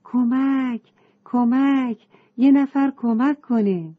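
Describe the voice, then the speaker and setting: A woman's voice: high voice, phone-quality sound, pitched above the performer's own voice. A woman voicing a worried mother fish in a children's storybook, speaking in a pleading, upset way.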